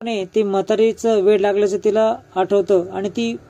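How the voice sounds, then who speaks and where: A man with a high but dark, mellow voice retells a serial episode scene by scene. His delivery stays level and flat, with little rise or fall. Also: moderate pace. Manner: steady, even retelling with quoted dialogue. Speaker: serial recap narrator. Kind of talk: episode recap narration.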